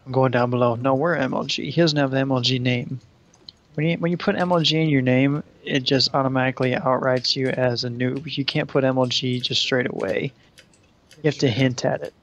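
A man with a mid-pitched, gravelly voice chats casually over a video game. He is goofy and playful, laughing often and riffing on jokes, close to his mic. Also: steady tone, a little fast, fairly bright tone, muffled recording. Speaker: co-player. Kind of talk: casual gameplay chat.

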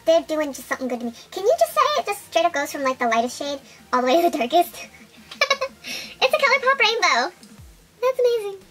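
A woman's voice: high voice, lively intonation, very fast, soft background music. A young woman chatting as a beauty vlogger, bubbly and gushing, her talk full of "like" and "freaking". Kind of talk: casual chat.

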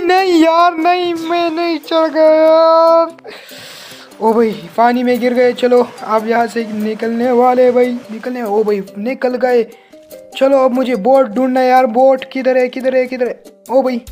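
Excited let's-play commentary comes from a male gaming channel host whose pitch is extremely high. There's constant yelping and word repetition, and he calls the viewer brother over and over.

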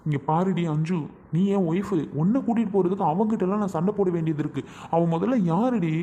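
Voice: mid-range voice, fast talker, warm tone, a little hiss or hum, lightly acted. A performer playing a jealous young husband who blames his wife. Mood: resentful. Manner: scolding, bitter.

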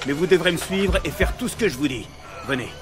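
A man's voice: on the high side, animated, quick pace, natural voice. A man voicing an anxious father living in an occupied camp, in a dubbed video game, with music behind. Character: nervous male camp resident, a father. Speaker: camp resident guide.

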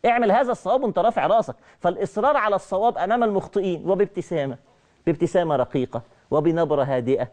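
A middle-aged man with an Egyptian Arabic accent giving a televised religious lecture, animated and repeating his key phrases. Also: high-pitched, very fast.

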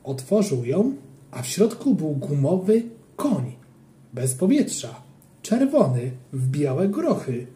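A reader narrating a children's story in an animated, playful way, as a boy telling his own tale. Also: medium pitch, slow pace. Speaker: audiobook reader.

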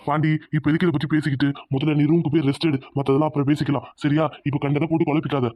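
A man's voice: on the high side, level tone, racing, mellow, no room sound, natural voice. A man voicing a proud, stern middle-aged village father in a cartoon, commanding in tone. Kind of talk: cartoon dubbing. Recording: dull lo-fi audio.

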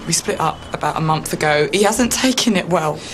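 An actress playing a shaken, hesitant crime victim in a TV drama. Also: female voice, low-pitched, expressive, fairly quick, slight background noise, low-quality recording. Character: shaken, hesitant woman defending her ex. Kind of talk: British TV police drama acting.

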